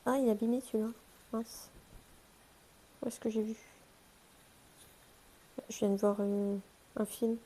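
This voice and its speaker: Young woman, casual haul vlogger, chatty and self-mocking, warm low-key timbre. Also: fairly even intonation, measured pace, pauses often. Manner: chatty, self-mocking, talks to her pets. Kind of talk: casual shopping haul vlog.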